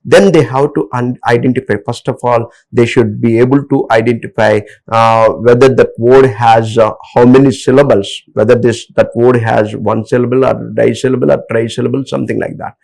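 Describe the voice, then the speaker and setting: A man's voice: mid-range voice, fairly even intonation, normal speed, gravelly, few pauses, darkish tone, poor audio. A man with an Indian English accent, explaining word stress in a hesitant lecture full of fillers. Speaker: English teacher. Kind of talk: lecture with slides.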